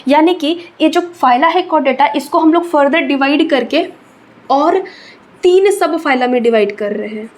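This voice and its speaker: A young woman teaching an exam-prep biology lesson, slowly repeating key terms and checking in with her students. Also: sits high.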